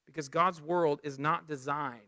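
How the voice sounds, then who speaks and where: A man preaching a lesson, animated, rising loud for emphasis and dropping low and quiet for key points. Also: measured pace. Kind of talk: sermon lesson.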